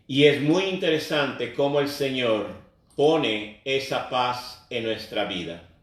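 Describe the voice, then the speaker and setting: A man's voice: mid-range voice, a bit bright. A man preaching a sermon, earnestly repeating phrases and speaking directly to the congregation. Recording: very echoey, voice far from the mic.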